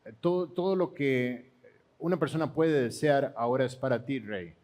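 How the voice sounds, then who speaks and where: A man with a Panamanian accent answering Bible questions in a steady, explanatory way, with occasional restarts. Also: mid-range voice, moderate pace. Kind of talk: church Bible Q&A teaching.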